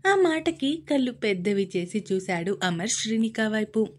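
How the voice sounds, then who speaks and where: A woman reading a romance story aloud as the storyteller of the channel, in an even narrative manner. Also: mid-range voice, normal speed.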